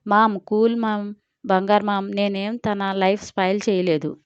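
A woman's voice: medium pitch, fairly even intonation, normal speed, clean tone, dry recording, muffled recording, close to an everyday voice. A woman voicing a playful young man who coaxes and teases his mother in an audio story. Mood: cheeky. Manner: coaxing and teasing.

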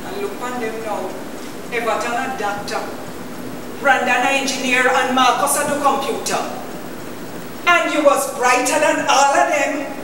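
A woman's voice: high-pitched, measured pace, pauses often. A woman acting a struggling, scolding mother with a Jamaican Patois accent in a stage monologue. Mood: bitter reproach. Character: struggling, scolding mother grieving over her son. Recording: very echoey, noisy, distant theatre recording.

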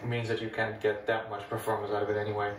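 With a fairly low, quick-paced voice, a native Dutch retro computing host chats casually through an old computer demo, explaining each stage. Old machines fill the room around him. The recording is echoey, taken from a distance, with background noise.

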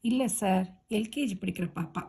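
A woman voicing a lively, teasing young city woman in an audiobook, talking chattily and easily startled. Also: mid-range voice, normal speed, close to an everyday voice. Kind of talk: audiobook character voice.

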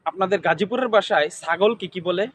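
High voiced guy asking repeat questions, faint outdoor noise. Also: a little fast. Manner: repetitive, formulaic questioning. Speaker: interviewer. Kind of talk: interview questions.

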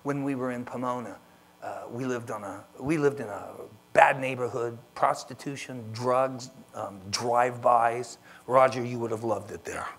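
Animated middle-aged male pastor preaching. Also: mid-range voice, normal speed. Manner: animated storyteller who acts out dialogue. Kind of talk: sermon.

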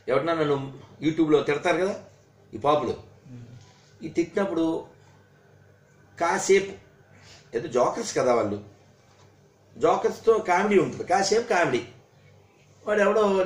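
A man giving a scolding religious talk, firing rhetorical questions at his listeners. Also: on the high side. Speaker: religious speaker. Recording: roomy echo.

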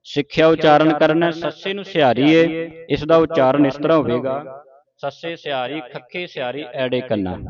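A man's voice: fairly high pitch, steady tone, moderate pace, a crowd in the background. A man teaching scripture recitation, reading verses line by line and correcting pronunciation in a call-and-repeat lesson. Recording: distant mic, dull lo-fi sound, group of learners in the room. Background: group of learners.

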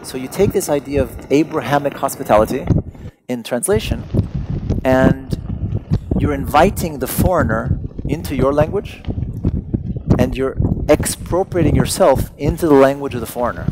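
A man whose mother tongue is Persian gives a conversational public lecture in English from a stage, searching for words and stressing them deliberately. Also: mid-range voice, very noisy. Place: large dim hall with stage and seated audience.

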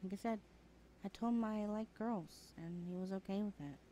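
A woman with a mid-range, dark-toned voice speaks at normal speed over a little hiss or hum, lightly acting. In a casual, slangy ASMR roleplay she plays a sassy, blunt twenty-one-year-old best friend who sighs often, coming across as frank and supportive.

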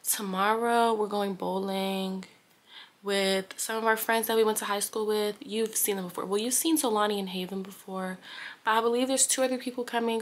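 Chatty young woman vlogging at home. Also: mid-range voice. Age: young adult. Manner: chatty, rambling with many "um"s and "like"s. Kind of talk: casual vlog chat to camera. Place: small home bathroom and bedroom, indoors.

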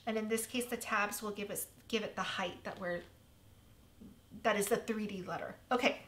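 A woman hosting a casual crafting tutorial, chatty and self-deprecating, with a slightly hoarse voice. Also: medium pitch, normal speed, a bit bright. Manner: chatty, self-deprecating, laughs at her own mistakes. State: slightly hoarse, losing her voice.

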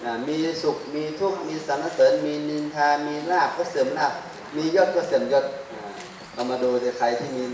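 Monk teaching in a very echoey hall. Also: male voice, mid-range voice, a little mellow. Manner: quizzes the audience and fills gaps with drawn-out "ah". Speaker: Buddhist monk teaching a class. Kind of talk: conversational classroom teaching. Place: large hall, standing before a seated group. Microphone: handheld mic. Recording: very echoey hall, distant mic, faint noise.

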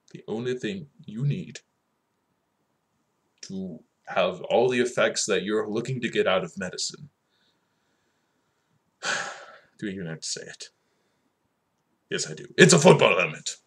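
A man hosting a mock-serious comedy vlog as a fake doctor, solemn one moment and shouting the next. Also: fairly low pitch. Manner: mock-serious, swings from solemn murmur to loud outbursts. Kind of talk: deadpan comedic monologue.

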